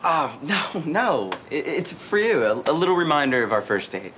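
A man's voice: fairly high pitch, sing-song, moderate pace, noisy background. A young actor playing a short, earnest teen boy, a bit hesitant and touchy, in a sitcom. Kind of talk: sitcom acting. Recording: TV sitcom with loud laugh track and music. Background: loud audience laughter and music.

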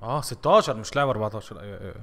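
Excitable Egyptian gaming commentator. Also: male voice, lowish voice, racing, slight background noise. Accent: Egyptian Arabic. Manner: animated, shouting at the game, teasing. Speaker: gaming YouTuber.

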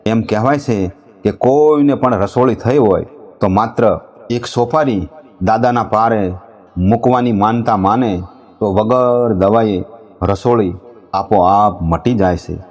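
Slow, measured male folk storyteller. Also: lowish voice, a little mellow. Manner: slow, measured recitation, drawing out couplets. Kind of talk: devotional folk storytelling with chanted verses.

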